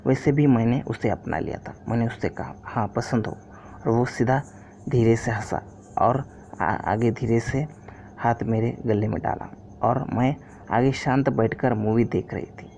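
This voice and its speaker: A man narrating a first-person story in a steady, earnest scripted reading. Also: mid-range voice, a little slow, gravelly. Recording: dull lo-fi recording, faint hiss.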